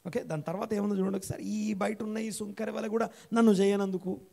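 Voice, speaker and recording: A male pastor preaching an interactive sermon in a church, repeating key phrases, quizzing his listeners and slowing down to read scripture aloud. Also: fairly even intonation, vocal fry, dark tone. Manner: slows and rises in pitch when reading scripture aloud. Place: church hall.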